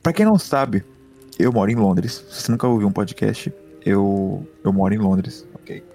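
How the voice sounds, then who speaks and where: Male podcast co-host, gravelly and mellow, excitable storyteller with faint music under. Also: lowish voice, normal speed. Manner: excitable, repeats words and slang. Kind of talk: casual storytelling chat. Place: home room.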